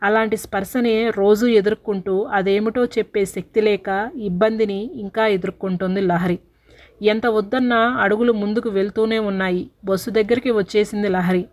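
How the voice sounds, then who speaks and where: Sorrowful woman storyteller, mid-pitched. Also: steady tone, normal speed. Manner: dramatic, sorrowful. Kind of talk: emotional story narration.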